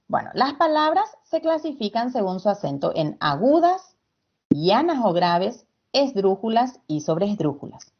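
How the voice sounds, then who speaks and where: A woman teacher leads an online class with a somewhat high voice. She explains patiently, slowing down to stress points and quizzing her students along the way. The sound is dull and lo-fi, like a video call. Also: breathy edge. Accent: Ecuadorian Spanish.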